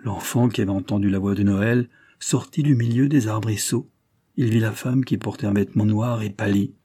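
A man narrating a novel as an audiobook in a measured, expressive way. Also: fairly low pitch, husky, no room sound, studio quality. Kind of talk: literary audiobook reading.

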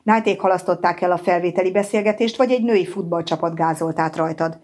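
A woman's voice: fairly low pitch, a little mellow, lightly acted. A woman reading the lines of a teasing young man working at a hospital desk, in an audiobook. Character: joking young male nurse friend.

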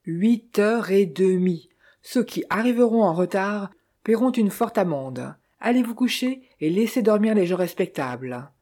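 Narrator playing a gruff, bald troupe manager. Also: mid-range voice, sing-song, moderate pace, a little mellow. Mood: angry. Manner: gruff, commanding.

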